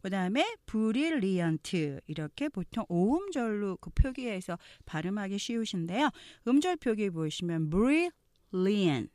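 A woman's voice: medium pitch, big pitch swings, a little mellow, dry recording, studio quality. A woman teaching English pronunciation in an online lesson. She explains each point step by step and coaches learners to repeat after her. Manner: slow, exaggerated model readings of English phrases.

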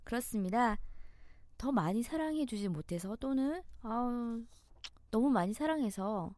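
Playful lady reporter cohosting a chat show, slightly high voice, dry close mic. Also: animated, a little slow, dark tone, no echo. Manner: playful, teasing, cheerful. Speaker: podcast co-host, reporter. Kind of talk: casual chat.

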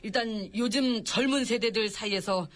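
A woman's voice: fairly high pitch, normal speed, voice pushed down, close to an everyday voice. A woman playing a fawning, cheeky court servant who reports gossip to the king in a satirical radio comedy sketch. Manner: deferential, cheeky and whining.

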